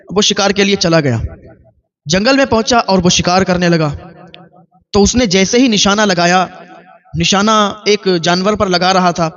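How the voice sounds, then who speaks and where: A man preaching an Islamic sermon, telling a story in an earnest, repetitive way. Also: high voice. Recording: dull lo-fi recording.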